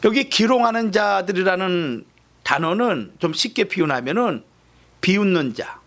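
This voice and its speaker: A male pastor preaching a sermon with emphatic, dramatic swings in loudness, explaining scripture in plain everyday terms. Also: high-pitched.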